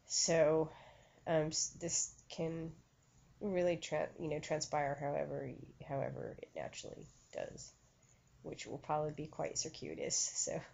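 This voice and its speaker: Woman medium, rambling and self-aware; low, warm voice; muffled recording. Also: expressive, a little slow, gravelly, slightly rough. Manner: self-conscious, chatty, many fillers and restarts. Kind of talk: conversational channeling session. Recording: dull lo-fi recording.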